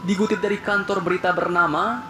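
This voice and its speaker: A man's voice: sits high, steady tone, a little fast, roomy sound, over loud music. A man narrating a casual news video, chatty and addressing the audience directly.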